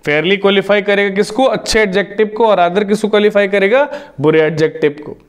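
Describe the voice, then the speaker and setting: A man's voice: high-pitched, clean tone. A man teaching English grammar in Hindi, explaining step by step and asking the class questions before answering them himself. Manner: reads English example sentences slowly, word by word. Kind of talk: Hindi-medium grammar lecture.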